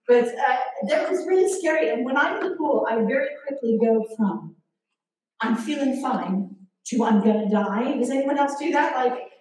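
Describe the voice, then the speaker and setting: Woman preacher, forties, lively self-mocking delivery, high voice, heard from far off in a very echoey church hall with faint noise. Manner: animated, self-mocking storytelling with frequent laughter. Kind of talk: sermon.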